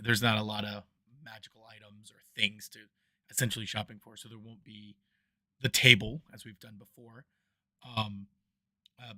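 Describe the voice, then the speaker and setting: A man with a mid-range, slightly bright voice runs a tabletop game as dungeon master, narrating casually into a new desk microphone with a dry sound. He rambles, full of ums and restarts, and his voice swells and fades as he moves around off the mic.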